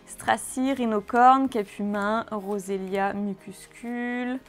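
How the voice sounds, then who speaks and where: A woman hosting a card-opening video, chatting casually, reading out card names in a list and breaking into excited exclamations. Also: mid-range voice. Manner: gushing, exclamatory, lists card names quickly.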